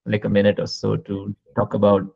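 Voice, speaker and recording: Low, gravelly man hosting. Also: completely flat delivery, a little fast. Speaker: podcast host. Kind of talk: conversational interviewing. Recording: slightly dull, muffled audio.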